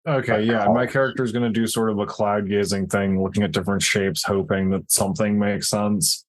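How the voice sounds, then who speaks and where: Low-voiced man playing a tabletop game. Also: steady tone, fairly quick, poor audio. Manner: playful, easygoing. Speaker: player.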